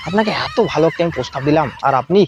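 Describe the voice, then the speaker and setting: A man's voice: on the high side, expressive, rapid-fire, crowd noise. A young man performing a comic sketch, pleading and whining in some parts and grumbling in others. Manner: pleading and whiny, then grumbling. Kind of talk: sketch comedy, playing several parts.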